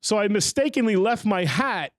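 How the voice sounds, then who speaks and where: A man's voice: high-pitched, animated, moderate pace, no echo. A man hosting a casual podcast interview, telling stories with lots of fillers. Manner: rambling storyteller, many fillers. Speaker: podcast host.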